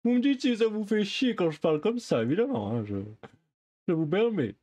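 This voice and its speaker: Jokey, animated French streamer man. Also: high-pitched, brisk. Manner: jokey, mock-pompous, often talking to the game characters. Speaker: streamer playing a game. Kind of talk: live gameplay commentary.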